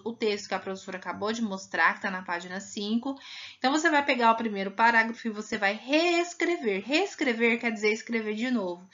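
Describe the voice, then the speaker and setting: Woman from Brazil, primary school teacher, patient, drawn-out words, muffled lo-fi recording. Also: fairly high pitch, pushed and bright. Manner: patient, sounds out words slowly to demonstrate. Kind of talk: recorded classroom lesson. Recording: muffled lo-fi sound.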